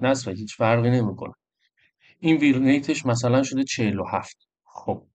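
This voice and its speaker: A man's voice: medium pitch, a little mellow. A man hosting a trading channel, walking viewers through an indicator in a casual, chatty screen-recorded tutorial. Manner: casual, addresses viewers as friends.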